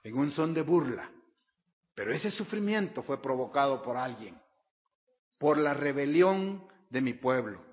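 A man's voice: mid-range voice, sing-song, unhurried. A man preaching a sermon, reading scripture aloud and repeating the verse references. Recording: dull sound with long hall reverb.

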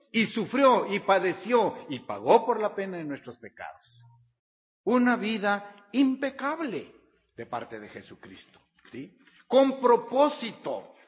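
A man preaching a sermon, reading scripture aloud and repeating the verse references. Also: high-pitched. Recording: dull sound with long hall reverb.

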